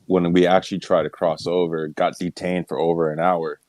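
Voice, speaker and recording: A man's voice: sits low, level tone, brisk, a little mellow, dry recording. A man telling a story in plain, matter-of-fact words during a casual group call.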